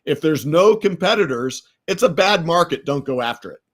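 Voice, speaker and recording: This podcast guest is a middle-aged American entrepreneur whose voice sits a little high and sounds expressive at a normal speed. In a casual interview, he tells stories, often restarting and using fillers.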